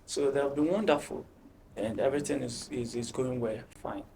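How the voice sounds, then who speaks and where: A man, captain of a football team, answering interview questions in a halting way, often repeating words. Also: mid-range voice, gravelly, a little mellow, a little hiss or hum.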